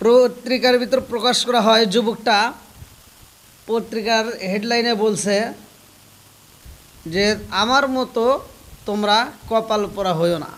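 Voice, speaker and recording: High-voiced chanting preacher. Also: male voice, fairly even intonation. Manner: swings from soft fast telling to loud wailing chant. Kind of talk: chanted Bengali sermon.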